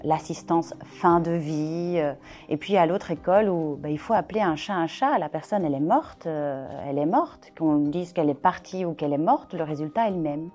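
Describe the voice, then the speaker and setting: Hesitant, mellow-voiced woman from Belgium. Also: deep voice, normal speed, faint music behind. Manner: hesitant, weighing words with many fillers. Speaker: discussion participant. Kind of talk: casual discussion.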